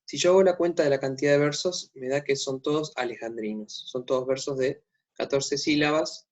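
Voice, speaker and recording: A man's voice: mid-range voice, a little fast. A man with an Argentine accent giving a recorded literature lecture, with many fillers and restarts. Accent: Argentine Spanish. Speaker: literature teacher. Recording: dull lo-fi sound.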